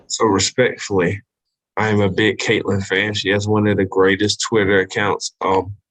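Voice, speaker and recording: A man's voice: on the low side, completely flat delivery, normal speed, fairly bright tone, poor audio. A man co-hosting a casual fight podcast, joking and playful in an easygoing way. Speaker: podcast co-host. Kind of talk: casual sports chat.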